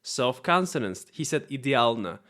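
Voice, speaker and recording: A man from Russia with a Russian accent, casually reacting to a clip and demonstrating pronunciation by slowly repeating words. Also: on the high side, expressive. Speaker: host reviewing an actor's accent.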